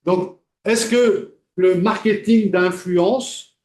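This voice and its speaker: A lecturer teaching a class, his voice pitched high for a man. He keeps it conversational, firing questions at the room and leaning on filler sounds between ideas. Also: extremely slow, a little mellow.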